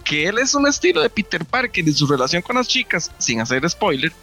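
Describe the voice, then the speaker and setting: A man with a Costa Rican accent talks in a slangy, animated way as a podcast co-host. His voice sits high and swoops lively up and down, with a bright edge. Faint music plays behind him. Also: brisk, husky. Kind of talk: casual chat.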